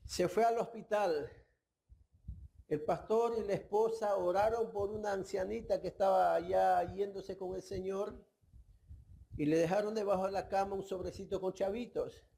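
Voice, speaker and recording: A man preaches from the pulpit with a fairly high-pitched voice. His tone stays dark and warm rather than bright. He tells the story as a pastor would, slowing down to stress the words that matter. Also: steady tone, creaky, a little hiss or hum, rough recording. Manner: storytelling preacher, slow emphatic delivery. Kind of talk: sermon.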